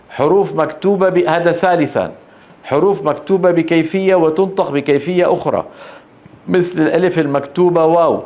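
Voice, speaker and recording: A man teaching Quranic recitation rules in a classroom lecture. He keeps checking in with the students through quick questions and draws out example words slowly. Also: fairly high pitch, a little mellow.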